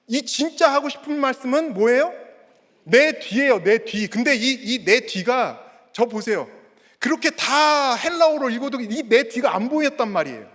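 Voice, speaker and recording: A man's voice: very high-pitched, expressive, normal speed, fairly bright tone. A middle-aged male pastor preaching a sermon, putting rhetorical questions to the congregation. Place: church sanctuary. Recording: long reverb of a church hall.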